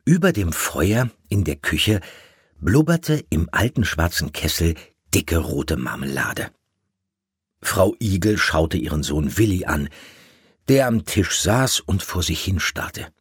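Male narrator, low husky voice, lively intonation, dry sound. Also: takes it slowly, no room sound. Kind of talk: storybook reading.

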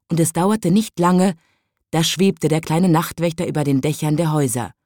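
A woman narrating a children's story as an audiobook reader, gentle and expressive, recorded in a studio. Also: sits low, dry recording. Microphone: studio voice-over.

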